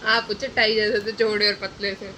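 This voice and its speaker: A woman's voice: mid-range voice, little pitch movement, moderate pace, pushed and bright, a little hiss or hum, poor audio. A young woman chatting casually in a couple's home vlog, teasing and laughing as she talks to viewers. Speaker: vlogger.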